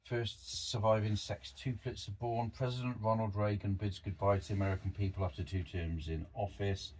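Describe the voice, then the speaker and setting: A man's voice: fairly low pitch, little pitch movement, normal speed, a little mellow, rough recording. A middle-aged man chatting casually outdoors as a podcast co-host, reading out dates in a jokey way. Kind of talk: casual chat. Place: outdoors in the cold.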